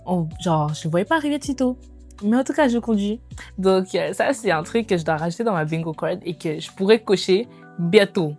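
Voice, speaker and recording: With background music playing, a woman in her 20s who immigrated to Canada talks to viewers as a lifestyle vlogger. Her voice is on the low side, and her delivery is lively and slangy, sprinkled with bits of English.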